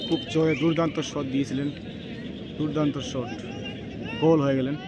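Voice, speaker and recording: Excitable male football commentator, noisy outdoors. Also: on the high side, brisk, a loud crowd. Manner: excitable, repeating names and phrases. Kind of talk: excited live football penalty shootout commentary. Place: outdoors at a local football ground. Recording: noisy outdoor field with traffic ambience.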